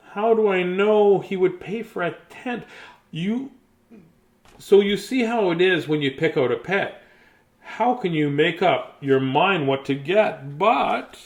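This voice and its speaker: Reading a bedtime story for kids, a man gives a lively, dramatic performance full of playful energy and offhand, conversational comments. His pitch is fairly high.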